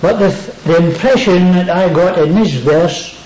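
A man preaches a sermon in a fairly high voice, repeating key words for emphasis. The recording sounds roomy and echoey, with a dull, lo-fi tone and a faint hiss underneath. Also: a little slow, darkish tone. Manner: dwells on words with emphatic repetition.

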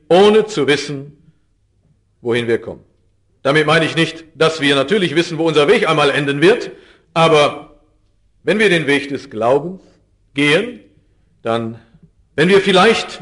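A middle-aged man preaches a sermon with earnest conviction. His pitch and loudness rise on key phrases and sink low at the ends of sentences. He slows down to stress important words.

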